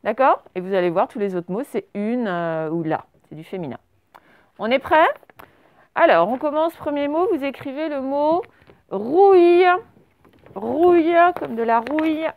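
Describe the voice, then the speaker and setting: A woman's voice: a little high, expressive, moderate pace, no room sound, narrow, tinny audio. A woman teaching a dictation lesson to young children, patiently spelling out words letter by letter. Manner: patient and encouraging. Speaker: primary school teacher.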